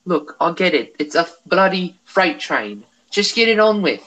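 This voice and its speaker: Man doing a grumpy steam engine, put-on Scottish English accent, gruff, clipped, bright voice. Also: high voice, big pitch swings, moderate pace, lo-fi sound, full character voice. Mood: grumbling. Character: gruff British male steam engine, grumbling.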